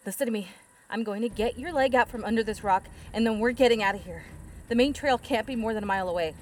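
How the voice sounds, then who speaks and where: In a full-cast audio drama, an actress plays a determined, protective hiker who is urgent, foul-mouthed and reassuring under pressure. Her natural voice is a little high, fast and a little mellow, with a slight hiss or hum.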